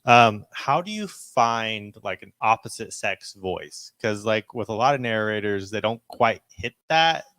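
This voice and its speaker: A man's voice: on the low side, expressive, unhurried, hardly any pauses, a bit bright, no echo. A man in the audience asking a tentative question, full of fillers. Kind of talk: question at a convention panel.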